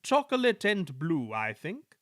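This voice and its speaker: A firm, commanding railway boss, voiced by a man reading aloud, stern and scolding. The voice is raised and louder than the narration. The reading is dry and close-miked. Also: fairly high pitch, wildly swooping pitch, a little slow, no echo, voice pushed up, exaggerated voice. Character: stern authoritative portly male railway boss.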